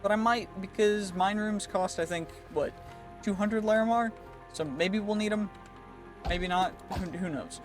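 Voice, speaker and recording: A man giving casual commentary over his own gameplay, chatty and thinking aloud with quick reactions. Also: sits high. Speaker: gaming channel host. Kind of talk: casual let's-play commentary. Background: clear background music.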